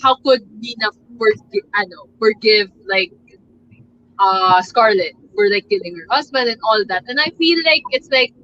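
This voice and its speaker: A woman's voice: medium pitch, animated, moderate pace, sharp tone. A woman chatting casually as a member of a book club. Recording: dull lo-fi audio, faint background noise.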